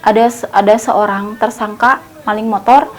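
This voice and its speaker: A woman's voice: mid-range voice, steady tone, moderate pace, natural voice. A woman voicing a male neighborhood chief who urgently reports a crime over the phone.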